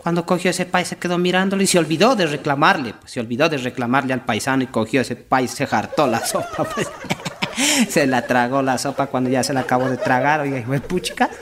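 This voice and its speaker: A middle-aged man with a Nariño Colombian accent telling regional jokes, laughing at his own punchlines and jumping high for quoted voices. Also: expressive, a little fast, a bit bright, a little hiss or hum. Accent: Nariño Colombian Spanish. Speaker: joke teller.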